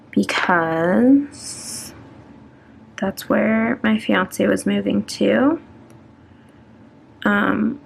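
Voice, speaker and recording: Decorating her planner as she talks, a twenty-something vlogger from Atlanta, Georgia rambles self-consciously, restarting often and saying um a lot. Her voice is gravelly and medium in pitch, with slight hiss or hum in the background.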